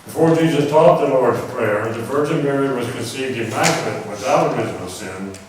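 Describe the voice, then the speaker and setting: In a meeting hall, a soft-spoken man addresses a live audience with a rambling, informal religious talk, frequently clearing his throat. His medium-pitched voice moves a little fast and comes through a speaker-system microphone, captured from a distance amid echo and noisy background.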